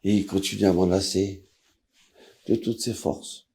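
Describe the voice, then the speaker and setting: A man, a rabbi, telling a story aloud with drama, acting out the people in it and swinging from hushed to loud. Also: sits low, fairly even intonation, a little slow, vocal fry. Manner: dramatic, voices characters with big swings in loudness. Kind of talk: emotional spoken storytelling.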